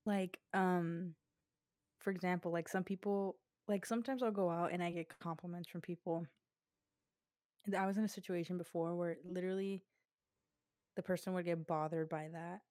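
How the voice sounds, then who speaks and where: Young woman co-host, low-ish voice, chatty and filler-heavy, a little out of breath, dry close mic. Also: fairly even intonation, normal speed, darkish tone, no echo. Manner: chatty, fillers like "like", laughs often. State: coughing, breathing hard. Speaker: podcast co-host. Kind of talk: casual chat. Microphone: podcast mic.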